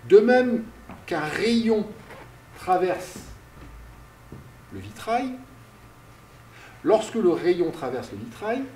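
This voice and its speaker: Slow, roomy lecture by a man. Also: high voice, big pitch swings, warm tone, a little hiss or hum. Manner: slow, explanatory, asks and answers his own questions; directs slide changes aloud. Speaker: university lecturer. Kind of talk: public lecture. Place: lecture hall. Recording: roomy, distant lecture hall recording.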